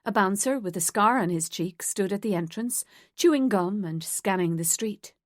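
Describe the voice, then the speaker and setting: Female narrator, measured audiobook delivery, dry booth sound. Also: medium pitch, no echo. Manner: steady, measured storytelling. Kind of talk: scripted narration.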